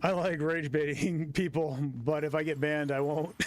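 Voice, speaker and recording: A man's voice: on the high side, a little hiss or hum. Chatty man streaming a game. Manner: easygoing, chatty, laughs often. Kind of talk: casual live-stream chat while gaming.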